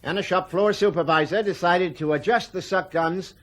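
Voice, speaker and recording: Sitting high and a bit bright, this man's voice belongs to an actor portraying a reassuring but defensive aircraft company spokesman for radio drama. He explains in a formal, measured, careful manner, hedging what he stresses.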